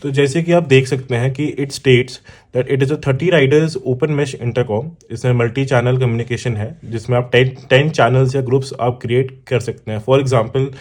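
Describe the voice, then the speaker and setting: An Indian-accented man with a mid-range, slightly mellow voice unboxes gear as a motorcycle vlogger and product reviewer. It's a casual, explanatory talk in a blend of Hindi and English, aimed right at the viewer, full of examples and check-ins.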